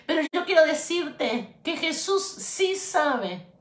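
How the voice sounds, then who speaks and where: A woman pastor preaches in a high voice, slow and deliberate. She presses her points through repetition and speaks straight to her listeners. The echoey hall carries her voice around the room. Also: big pitch swings. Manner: emphatic preaching with repeated phrases and direct address. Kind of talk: sermon.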